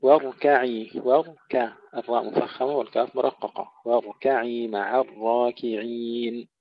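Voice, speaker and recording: A man teaching Quran recitation chants verses slowly and melodically, then shifts into quick, matter-of-fact explanations of pronunciation. He speaks at a middle pitch in a level tone, and the audio sounds dull and lo-fi.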